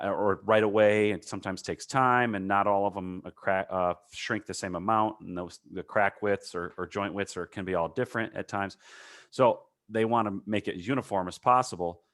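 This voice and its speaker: Man, Minnesota accent, deep voice, dry close sound, halting technical webinar talk. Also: fairly even intonation, a bit bright, no echo. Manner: halting, many fillers and self-corrections. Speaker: concrete paving presenter. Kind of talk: webinar Q&A answer.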